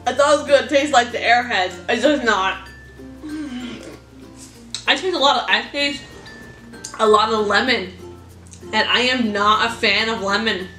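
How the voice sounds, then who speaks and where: A casual woman talks through a mouthful of food, chewing as she reacts. Her voice is bright and sits a little high. She is recorded in an echoey room from a short distance off the mic. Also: measured pace, long pauses. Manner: chatty, reacting to each bite. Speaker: vlogger. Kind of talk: casual taste-test vlog. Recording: echoey room, a bit off-mic, faint music.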